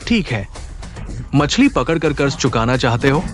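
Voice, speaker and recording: A man's voice: mid-range voice, very animated, normal speed, over music, natural voice. An actor playing a greedy, bullying male village headman who sneers and blusters. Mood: taunting. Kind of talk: dubbed short drama acting.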